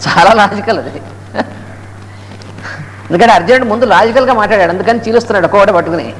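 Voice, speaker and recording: Man, high-pitched, quick discourse, slow chanted verses, reverberant hall, faint noise. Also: fairly bright tone. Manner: storytelling, quoting Sanskrit verses slowly. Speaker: Gita lecturer. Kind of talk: spiritual discourse.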